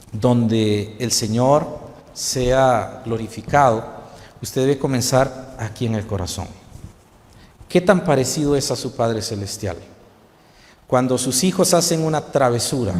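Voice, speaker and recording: A man preaching a sermon as a pastor, asking the congregation questions and dropping his voice softly for quoted lines. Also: medium pitch. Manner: earnest preaching with rhetorical questions, soft quoted asides. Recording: long hall reverb.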